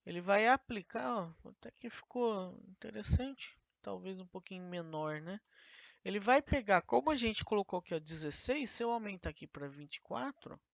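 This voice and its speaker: A woman teacher talks through a screen-recorded coding lesson, asking herself questions and then answering them. Her voice has a gravelly edge. The sound is dry and dull, like a cheap computer mic. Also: medium pitch, expressive, moderate pace, no echo.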